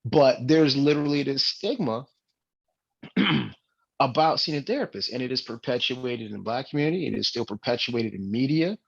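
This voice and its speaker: A young adult man co-hosting a podcast speaks in a gravelly, creaky voice at an even middle pitch. He talks earnestly and with emphasis, slipping into quoted voices. The sound is a bit dull and lo-fi. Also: moderate pace. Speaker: podcast co-host. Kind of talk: casual podcast talk.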